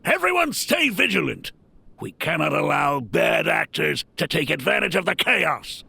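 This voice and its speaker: Loud gung-ho drill sergeant, gravelly. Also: male voice, on the high side, very animated, normal speed, no echo, heavily acted. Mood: commanding. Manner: barked, gung-ho military commands. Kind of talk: video game voice acting.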